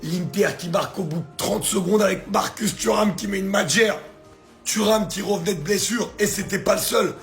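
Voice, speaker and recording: Hoarse man raving about a match. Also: high voice, moderate pace, soft background music. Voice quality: gravelly, strained voice. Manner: grandiose, emphatic. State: hoarse from shouting. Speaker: football content creator. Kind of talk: excited match reaction.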